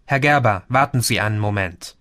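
A man's voice: fairly high pitch, big pitch swings, fairly quick, pushed and bright, pitched above the performer's own voice. A man reading an audiobook voicing a grown man who gives commands in an official tone. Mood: commanding.

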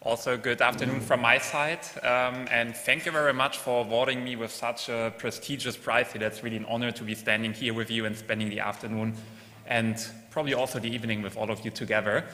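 Bright-voiced German man in a reverberant hall. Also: mid-range voice, a little fast, a little hiss or hum. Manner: earnest, steady, repeats words when starting a point. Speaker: award winner giving a speech. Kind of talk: prepared acceptance speech. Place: large formal hall at a lectern. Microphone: lectern microphone.

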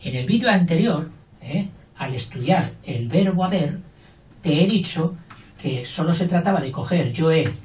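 A man's voice: fairly high pitch, expressive, measured pace, darkish tone, recorded from a distance. Older male teacher, chatty and playful, recorded off-mic in an echoey room. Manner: chatty, playful, acts out everyday scenes. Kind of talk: casual grammar lesson. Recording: roomy, voice from off the mic.

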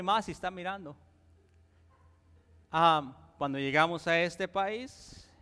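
Pastor guy, high voice, slow easy sermon, keeps asking the room, long church echo. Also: fairly bright tone. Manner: conversational preaching, frequent questions to the congregation. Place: church sanctuary.

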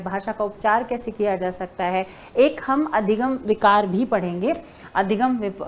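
A woman's voice: mid-range voice, slight background noise. A woman teacher giving an exam-prep lesson, talking to her students fondly as she writes on a board. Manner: addresses students as "beta", writing on a board while talking. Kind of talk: online exam-prep lecture.

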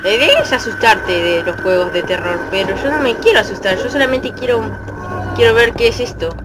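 A man's voice: high voice, normal speed, background noise. A man with an Argentine accent doing jittery horror game commentary, swearing a lot. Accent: Argentine Spanish. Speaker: gaming YouTuber.

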